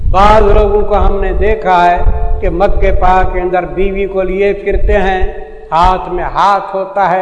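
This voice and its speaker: A man from Pakistan teaches a Quran commentary lecture with a rather high voice. He works through the text verse by verse and keeps asking his listeners questions. The recording rings with a long hall echo. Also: a little hiss or hum. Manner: explains verse by verse, asks the audience questions.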